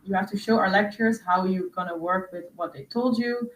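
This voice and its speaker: A woman's voice: mid-range voice, a little fast. Woman presenting a webinar, roomy sound. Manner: explanatory, many fillers. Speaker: host. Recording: roomy distant mic with faint noise.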